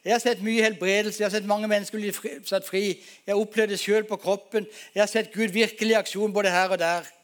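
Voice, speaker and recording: Male pastor, high voice, emphatic storytelling preacher. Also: level tone, few pauses. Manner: storytelling, emphatic, addresses congregation as folks. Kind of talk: sermon testimony.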